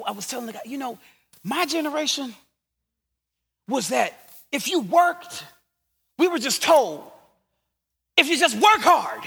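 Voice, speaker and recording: A middle-aged man preaches with a very high, bright voice that rises and falls with lively movement. He moves between quiet asides and shouted exhortations. The sound carries a long reverb, as in a large hall. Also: creaky, slightly rough. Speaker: pastor. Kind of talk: sermon.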